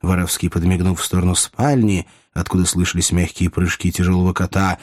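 A man reading a novel aloud in a lively, expressive storytelling manner. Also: sits low, brisk, dry recording, studio quality. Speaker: narrator. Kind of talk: audiobook reading.

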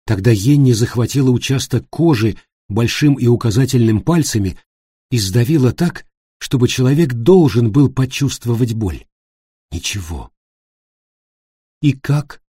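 Male audiobook narrator, mellow husky tone, steady tense storytelling. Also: medium pitch, no room sound, clean studio sound. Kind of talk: scripted narration.

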